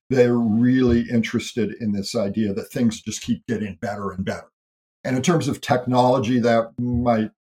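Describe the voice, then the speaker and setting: A man with a medium pitch and a darkish tone, heard on a low-quality recording, is an interview guest speaking on history and ancestry. He explains big ideas in an earnest, thoughtful manner, sometimes restarting.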